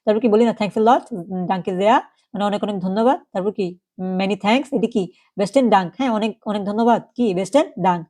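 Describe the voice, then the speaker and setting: A woman's voice: medium pitch, moderate pace, warm tone. A woman teaching a recorded German class. She asks the class questions and repeats each German phrase twice. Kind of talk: recorded online language class.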